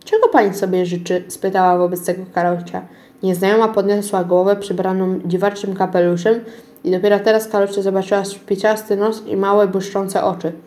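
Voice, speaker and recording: A woman's voice: mid-range voice, flat delivery, fairly quick, warm tone. A woman reading a children's story aloud, often stumbling over words and starting them again. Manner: unpolished reading with frequent stumbles and restarts. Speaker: reader of a children's book.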